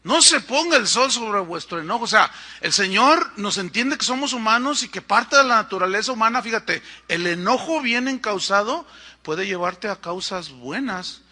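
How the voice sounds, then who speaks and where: A middle-aged man with a Mexican accent preaching a sermon, telling stories in an animated way and acting out the people in them. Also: high voice, moderate pace. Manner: animated storytelling with acted-out quotes. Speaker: pastor.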